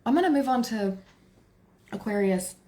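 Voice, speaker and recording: A woman's voice: on the high side, animated, moderate pace, mellow. Chatty Texan woman streaming live. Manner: chatty, laughing, talks to chat and herself. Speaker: tarot reader livestream host. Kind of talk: casual livestream chat.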